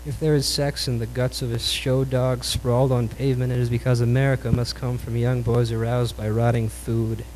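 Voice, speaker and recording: A man performing his own poems at a live reading in a cool, measured Beat style, like a beatnik poet. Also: mid-range voice, level tone, a little mellow. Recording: noisy live recording with hum.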